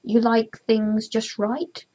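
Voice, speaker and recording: A woman's voice: a little high, little pitch movement, slow, mellow, low-quality recording. A woman interviewing a guest, asking friendly leading questions that often end in a tag like "didn't you?".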